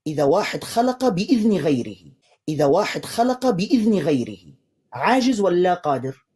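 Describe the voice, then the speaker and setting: Male preacher, husky and mellow, steady and persistent with a heated caller. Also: high-pitched. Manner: calm, insistent, keeps telling the caller to calm down; quotes scripture in a slow recitation. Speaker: Islamic preacher debating callers. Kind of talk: live online debate.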